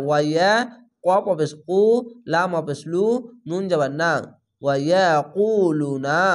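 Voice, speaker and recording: A man teaching Quran reading, patiently spelling out each word letter by letter in a slow, repetitive lesson. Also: high voice.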